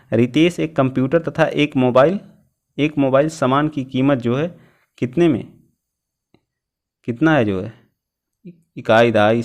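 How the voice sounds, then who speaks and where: Male math teacher, exam-prep lesson, quizzes the class and talks through each calculation, mid-pitched. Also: a little mellow. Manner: keeps asking the class questions and answers them himself, "ठीक है" after each step; reads out numbers slowly while working them out.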